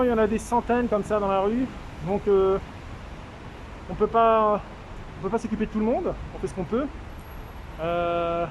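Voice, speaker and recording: A man with a notably high voice speaks through a face mask, slightly muffled. He talks informally and haltingly, as in a street video update, with clear traffic and urban noise around him. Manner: halting, drawn-out hesitations. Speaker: street medic caring for a homeless man. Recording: noisy outdoor street with traffic.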